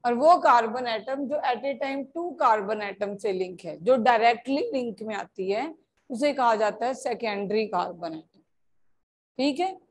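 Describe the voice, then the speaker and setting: A high-pitched woman teacher from India explains chemistry at an unhurried pace. She drifts between Hindi and English and keeps asking her students whether they understand. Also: animated. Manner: mixes Hindi and English, checks understanding often; addresses students as beta. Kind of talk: classroom lecture.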